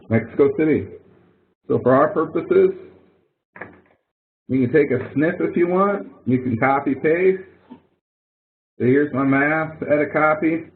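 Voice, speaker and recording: A man instructing an online help session takes it slowly, with long pauses, as he casually walks through a spreadsheet exercise via screen share in a folksy, step-by-step manner. His voice is on the high side, and the web conference audio is muffled and phone-like with a little hiss or hum.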